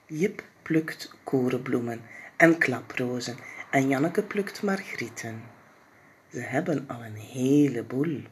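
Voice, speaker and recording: A woman reading a children's story aloud, expressive and sometimes dropping into soft whispers. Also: extremely low pitch, slow pace, slight background noise.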